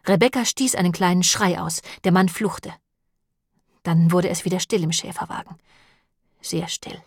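A woman narrating an audiobook in a calm, even storytelling manner. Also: fairly low pitch, normal speed, breathy edge, no room sound, studio quality.

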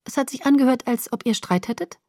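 A woman's voice: sits high, fast talker, mellow, dry recording, studio quality, voice pushed up, lightly acted. Stern young vampire girl, read by a woman. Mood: reproachful. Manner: reproachful, urgent questioning. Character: worried stern young female vampire friend.

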